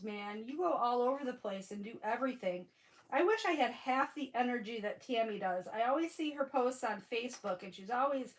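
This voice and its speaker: A crafting host in her forties chats casually on a live stream, greeting viewers by name in a high voice captured on a low-quality recording. She has a Michigan accent and a stuffy nose, and her speech is full of fillers and restarts.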